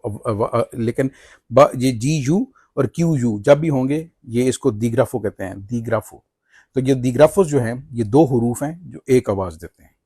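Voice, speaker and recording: Slow patient male language teacher. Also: mid-range voice, warm tone, dry recording, studio quality. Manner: slow, patient, spells out words letter by letter. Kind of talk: explaining Spanish vocabulary in Urdu.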